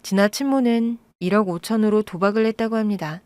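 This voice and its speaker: Woman, story narrator, calm, measured, dry close sound. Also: medium pitch, no echo. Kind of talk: scripted first-person story narration.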